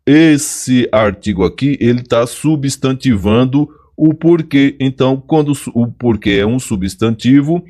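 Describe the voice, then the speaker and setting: Brazilian guy teaching test prep, talks slow, keeps saying look here. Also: mid-range voice, mellow. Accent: Brazilian Portuguese. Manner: repetitive, pointing things out with "olha só" and "ó". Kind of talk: explaining exam questions to viewers.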